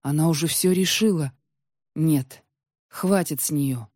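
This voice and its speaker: A woman reads a storybook in a measured, dramatic way. Her voice is low and mellow. The recording is dry and close, with no room sound. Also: no room sound. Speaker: audiobook narrator. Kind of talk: scripted storybook narration.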